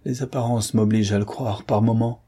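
A hushed, anguished young captain, read by a man in an audiobook. The voice stays low, dark and husky, hesitant and subdued. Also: fairly even intonation, fairly quick. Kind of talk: audiobook character reading.

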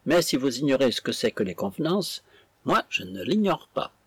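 A man's voice: mid-range voice, very animated, normal speed, a bit bright, breathy edge, no echo. A man voicing a proud, indignant young woman who scolds her sister with haughty scorn.

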